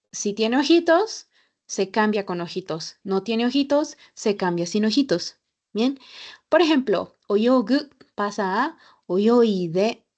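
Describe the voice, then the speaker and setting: A woman teaching a Japanese class, patient and repeating each example slowly. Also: a little high, a little mellow. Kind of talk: online class lesson.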